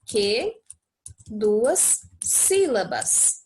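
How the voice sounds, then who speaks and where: A woman's voice: on the high side, big pitch swings, drawn-out words, darkish tone, a little hiss or hum. A young adult Brazilian woman teaching English, explaining a worksheet step by step and often checking in with her students. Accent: Brazilian Portuguese. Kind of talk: recorded lesson walkthrough.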